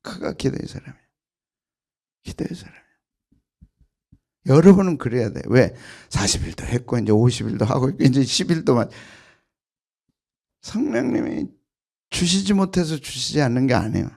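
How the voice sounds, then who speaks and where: Emphatic, gravelly male pastor preaching. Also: mid-range voice, animated, normal speed, long pauses. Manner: emphatic and repetitive, with sudden loud bursts and soft drops. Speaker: senior pastor. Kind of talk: early-morning prayer sermon.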